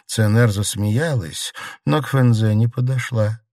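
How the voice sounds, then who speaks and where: A man narrating a classic novel as an audiobook reader, in a steady, even storytelling manner. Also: fairly low pitch, a little slow, no room sound, studio quality. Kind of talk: scripted narration.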